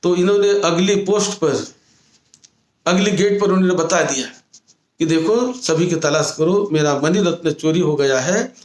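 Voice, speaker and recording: Monk guy telling a sermon story, bit high voice, echoey room, repeats himself a lot. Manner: slow, repetitive storytelling with restated phrases. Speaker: Buddhist monk teacher.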